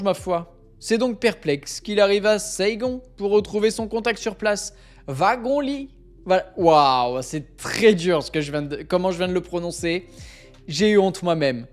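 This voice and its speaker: A man hosting a live stream, chatting casually and playfully, often laughing as he reads out suggestions. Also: sits high. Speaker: livestream host.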